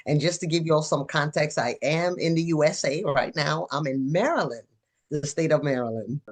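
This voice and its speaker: A woman therapist as an interview guest, explaining things patiently in a measured way. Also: sits low.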